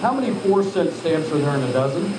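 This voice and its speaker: This altitude chamber instructor has a high-ish, sing-song male voice and a brisk delivery. Checking on trainees during live hands-on instruction, he gives directions, asks them questions, and calls them sir. The audio is echoey and distant, dominated by loud machinery hum.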